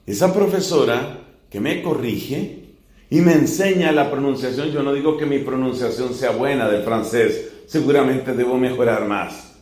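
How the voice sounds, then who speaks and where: A man preaching as a friar in a teaching sermon, building slow emphatic lists and asking rhetorical questions. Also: medium pitch, darkish tone. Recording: echoey room.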